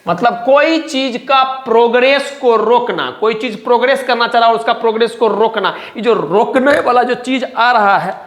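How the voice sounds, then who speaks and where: A man's voice: extremely high pitch, moderate pace, few pauses, fairly bright tone. Male teacher drilling words in an echoey room. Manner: repeats each word, checks "clear?" often; asks himself questions and answers them. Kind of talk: vocabulary lesson.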